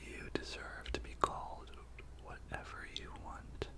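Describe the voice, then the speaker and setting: A person giving a whispered pep talk in soft, breathy ASMR style, repeating short encouraging phrases. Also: measured pace.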